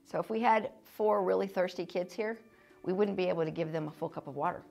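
A woman's voice: fairly low pitch, steady tone, fast, creaky, darkish tone, soft background music. A middle-aged American woman teaching a children's church lesson in a classroom, chatty and informal, with easy laughs. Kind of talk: casual teaching demonstration. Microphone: fixed camera, mid distance.

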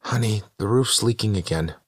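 A man's voice: on the low side, normal speed, slightly rough, dry recording, voice pushed up. A man voicing the ghost of a dead wife, pleading and needy, in an audiobook. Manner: pleading, repetitive. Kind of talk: audiobook narration.

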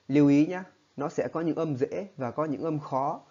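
A man's voice: a little high, warm tone, husky, muffled recording. A man teaching a spoken lesson, explaining patiently and often checking in with his listeners. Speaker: English teacher.

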